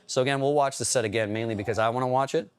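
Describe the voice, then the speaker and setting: A man's voice: medium pitch, fairly even intonation. A man working as a hypertrophy coach, casually breaking down a training video in a chatty, explanatory way. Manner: chatty, explanatory, talks while pausing and scrubbing video.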